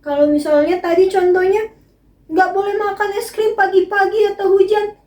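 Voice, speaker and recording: Woman teaching Sunday school, high and unhurried, in an echoey church room, mic far off. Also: fairly even intonation. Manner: slow, gentle and sing-song, asks the children questions. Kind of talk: Bible story for toddlers.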